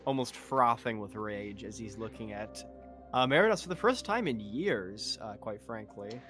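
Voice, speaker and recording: A man's voice: fairly low pitch, expressive, normal speed, fairly bright tone, soft background music. A man playing a tabletop game, describing his character hesitantly with many fillers. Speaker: player. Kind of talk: tabletop role-play.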